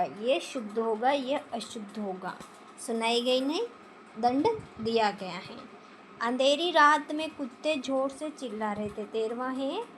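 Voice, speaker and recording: A woman teaches a grammar lesson at an unhurried pace. She reads each incorrect sentence, then repeats the corrected version. A faint hiss sits behind her voice. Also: high-pitched. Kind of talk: exam-prep grammar lesson.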